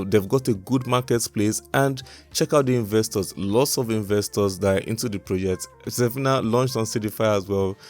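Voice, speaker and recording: A man's voice: lowish voice, a little mellow. A man presenting a promotional crypto review vlog in the manner of a crypto bro, making repeated, emphatic selling points. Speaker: crypto YouTube host. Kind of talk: scripted-style vlog narration, promotional review.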